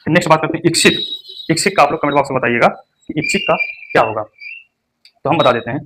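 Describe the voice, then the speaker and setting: A young man teaching an exam-prep Hindi lesson. He stresses each word and then repeats it slowly. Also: a little high, lively intonation, fairly bright tone, slightly rough.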